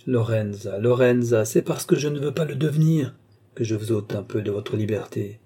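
A calm and commanding male mystic, read by a man narrating the book talks in a measured, quietly menacing way. His voice is dark and husky, at a middle pitch. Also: natural voice.

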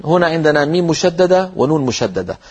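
Husky-voiced man teaching Quran recitation. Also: on the high side, big pitch swings, a little mellow. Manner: explains rules, then demonstrates words slowly.

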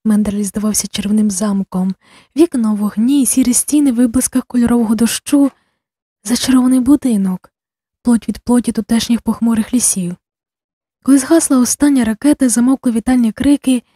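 A woman narrating an audiobook, measured and expressive. Her voice sits a little high, with a mellow, breathy tone. The recording is close and dry. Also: no room sound.

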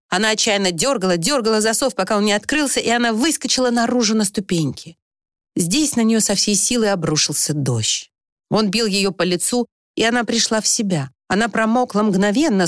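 A woman narrating an audiobook in an expressive reading style, lifting her voice in the tense moments. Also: no room sound, clean studio sound. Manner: expressive reading, rising pitch for the anxious heroine. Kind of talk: scripted narration.

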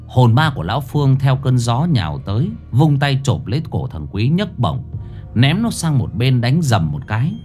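A man narrating a ghost story in a dramatic, expressive way. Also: medium pitch. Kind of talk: scripted horror story narration. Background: faint music.

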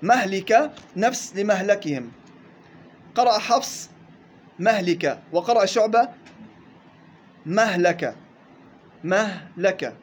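A man teaching a tajweed lesson in a classroom, listing reading variants briskly and drawing out the recited words slowly. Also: high voice, animated.

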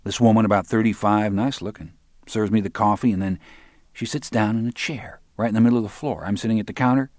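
A man's voice: lowish voice, fairly even intonation, fast, a little mellow, dry recording, lightly acted. A man doing a dry laconic barroom storyteller.

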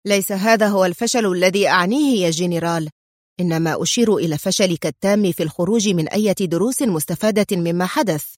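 A woman reading the lines of an angry, sharp intelligence officer in an audiobook story, speaking forcefully and lecturing. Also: on the low side, quick pace, no echo, studio quality, natural voice.

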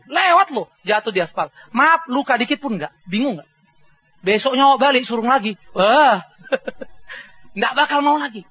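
A middle-aged man preaching a sermon as a pastor, telling animated stories with humor and acting out voices. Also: high voice. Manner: mixes English words into speech.

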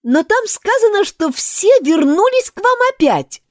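A woman's voice: very high-pitched, sing-song, a little slow, no room sound, clean studio sound, pitched above the performer's own voice, full character voice. A woman voicing a bold, outspoken young girl in a storybook reading. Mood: defiant. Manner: defiant, indignant.

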